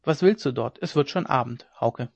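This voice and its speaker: Man reading a soft, worried wife. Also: medium pitch, moderate pace, dry recording, natural voice. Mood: concerned. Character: caring, worried young wife. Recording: dry, dull lo-fi recording.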